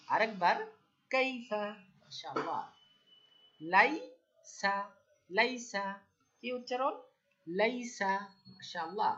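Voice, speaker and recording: A woman drills Arabic syllables at a very slow, deliberate pace, sounding out each letter before joining them into words. Her voice sits at a middle pitch. The recording is dull and lo-fi. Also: fairly bright tone. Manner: spells out syllables, then asks listeners to repeat. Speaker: Quran recitation teacher.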